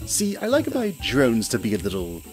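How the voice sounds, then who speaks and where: For a hobby audio play, a man with a mid-range voice at normal speed and wildly swooping pitch portrays a smug hyena mad scientist. Background music plays as the gloating villain narrates to the listener in a silky, condescending, theatrical tone, punctuated by frequent chuckles.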